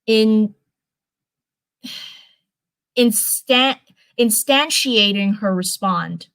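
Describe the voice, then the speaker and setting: Her medium-pitched, fairly bright voice comes out extremely slowly as she hosts a livestream of fan fiction. She shifts between reading the story aloud and informal, rambling chat, correcting herself often.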